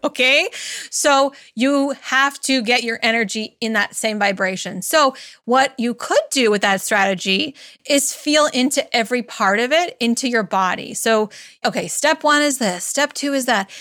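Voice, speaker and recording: Solo podcast host, female, animated chatty delivery on a dry close mic, slightly higher voice. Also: no room sound. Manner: chatty and emphatic, mimics voices in quoted asides. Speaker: podcast host and business coach. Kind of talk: casual solo podcast monologue.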